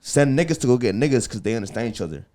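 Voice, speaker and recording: A man's voice: mid-range voice, expressive, racing, a little mellow. A man co-hosting a podcast in casual slangy chat, talking with a mild stutter and repeating himself a lot. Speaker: podcast co-host.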